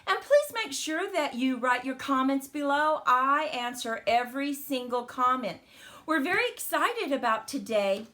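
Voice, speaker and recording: A card-making channel host chats and greets viewers on her live stream as she demonstrates her crafts. Her high voice is pushed and bright, and a little crackly since she's had the flu.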